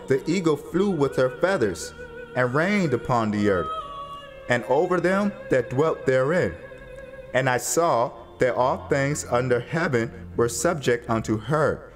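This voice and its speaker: Faint music plays behind a mid-pitched male voice as he narrates scripture dramatically. He goes very slowly and solemnly, with the measured gravity of a storyteller.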